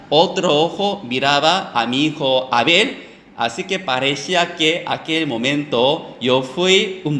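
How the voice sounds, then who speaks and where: A man preaching a sermon and telling a story, halting often with fillers and restarted phrases. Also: fairly high pitch, fairly bright tone. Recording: echoey room with faint background noise.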